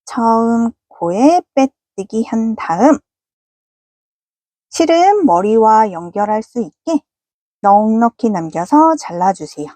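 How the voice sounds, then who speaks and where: A woman walks viewers through a crochet project in a patient, polite teaching voice. Her pitch sits a little high and moves a lot as she explains. The sound is dry and close. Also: very animated, slow, warm tone, no echo. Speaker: crochet instructor. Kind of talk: step-by-step crafting tutorial.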